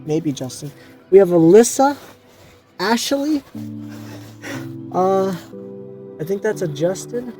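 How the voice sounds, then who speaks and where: A man chatting casually in a vlog, excited and choked up, stammering and repeating himself. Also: high-pitched, slow, pauses often, faint music behind. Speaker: vlogger.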